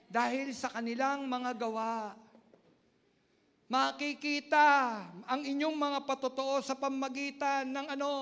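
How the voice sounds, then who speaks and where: Very high-voiced emphatic male pastor. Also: creaky. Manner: emphatic, repeats key words, swings from loud to soft. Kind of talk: sermon. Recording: long hall reverb.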